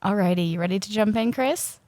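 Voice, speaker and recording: A woman in her thirties co-hosts a podcast, chatting casually with frequent ums and laughs while her voice is still scratchy from a cold. She speaks a little fast at medium pitch with a warm tone, in clean studio sound without room echo.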